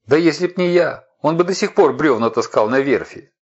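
A man's voice: on the high side, expressive, brisk, breathy edge, voice pushed up. A man voicing a fierce, jealous young woman who leads desert raiders, hissing and snarling her lines in a storybook reading. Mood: furious. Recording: dull lo-fi recording.

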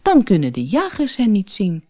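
A woman voicing a warm, reassuring wild pony in a children's story. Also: mid-range voice, huge pitch swings, normal speed, highs cut off, voice pushed up.

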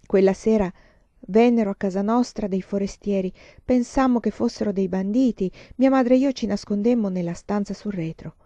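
A woman reading a novel aloud in a measured, sombre storytelling voice. Her tone is warm and mellow. The recording is dry and slightly muffled. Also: mid-range voice, dry recording. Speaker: reader.

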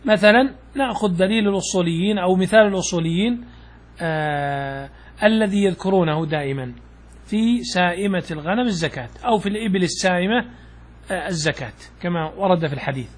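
A man, an Islamic scholar, teaching jurisprudence in a patient, explanatory lecture, pausing with fillers and asking questions he answers himself. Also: high-pitched. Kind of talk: classroom lecture explaining a text.

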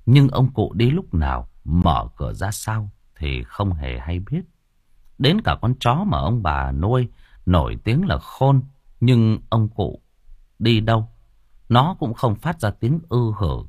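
A man narrating an audio story with a dramatic, expressive storytelling manner. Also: lowish voice, takes it slowly, breathy edge, no room sound, studio quality.

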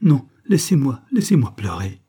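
A man's voice: medium pitch, very animated, normal speed, mellow, husky, voice pushed up. A man voicing a grieving young woman. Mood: anguished. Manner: pained, pleading. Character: young woman, distraught and tearful lover.

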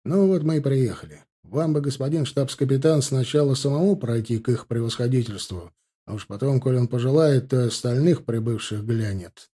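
Man doing a casual young lieutenant, mellow dark voice. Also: mid-range voice, moderate pace, breathy edge, lightly acted. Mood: chatty. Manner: chatty, dismissive. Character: young male lieutenant, easygoing.

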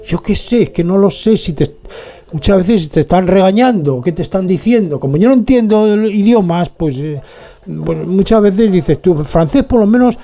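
A man from Spain hosting a radio show, talking in a chatty, digressive monologue full of animated asides. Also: sits high, normal speed. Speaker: radio host playing music. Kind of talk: rambling casual monologue.

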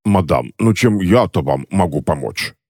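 A man's voice: fairly low pitch, lively intonation, moderate pace, darkish tone, dry recording, studio quality, pitched above the performer's own voice. A man voicing a fat, irritable middle-aged bank clerk who answers curtly and suspiciously.

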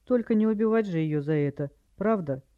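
A man's voice: sits high, lively intonation, brisk, dry recording, voice pushed up. A man reading an audiobook, voicing a drunk, maudlin widower who rambles plaintively, in a dry, slightly dull recording.

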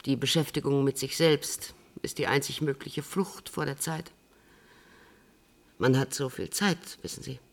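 An actress playing a composed, middle-aged woman held in custody, speaking in a measured, precise way in a radio drama. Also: a bass voice, fairly even intonation, heavily acted. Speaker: prisoner on remand giving an interview.

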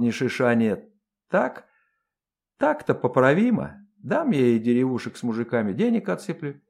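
A man's voice: mid-range voice, a little mellow. A man voicing a lazy, earthy, plain-spoken empress who drawls in folksy speech for an audiobook. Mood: teasing. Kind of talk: audiobook character voice.

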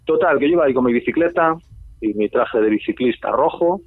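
A man with an accent from Spain tells a slangy, lively anecdote in a husky voice, acting out what he said back then. The sound is thin and tinny, like a phone line, and completely dry. His pitch sits in an ordinary middle range. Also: fairly quick, no room sound. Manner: lively storytelling, slangy, acts out his own past remarks. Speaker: guest telling a story on a radio show. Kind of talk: casual anecdote.

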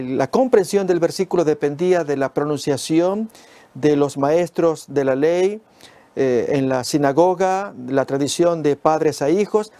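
A man teaching a Bible lesson, explaining step by step in a measured way with occasional fillers. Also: fairly high pitch, warm tone.

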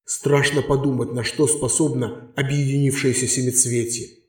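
A man reading an audiobook voices an emperor thinking to himself in a low, grave, inward tone. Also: flat delivery, normal speed, darkish tone, roomy sound, recorded from a distance, lightly acted. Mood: grave fear. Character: frightened emperor brooding in his thoughts.

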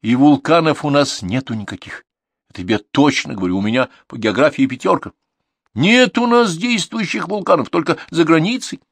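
A man's voice: on the high side, expressive, moderate pace, gravelly, dry recording, voice pushed up. A man voicing a lecturing, insistent schoolboy grandson in an audiobook. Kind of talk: audiobook character reading.

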